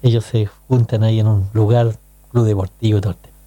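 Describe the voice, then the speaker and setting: Speaking a little fast in a flat, lowish voice with a dark tone, this Chilean-accented man hosts a laid-back radio program. He keeps checking in with listeners and tosses out rhetorical questions, and the recording has no room sound.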